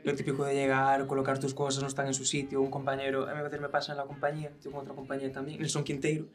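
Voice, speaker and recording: A man, a stage performer guest, telling relaxed backstage anecdotes in a casual chat. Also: medium pitch, racing.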